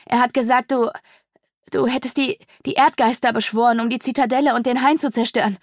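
Woman doing a stammering young princess, frightened, defiant, higher pitch, storybook reading. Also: expressive, normal speed, no room sound, clean studio sound. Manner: stammering, pleading. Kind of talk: audiobook character voice.

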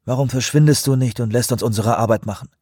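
A man voicing a gruff, irritable researcher who answers in a curt, unfriendly, muttering way. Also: mid-range voice, fast, darkish tone, dry recording, clean studio sound, lightly acted.

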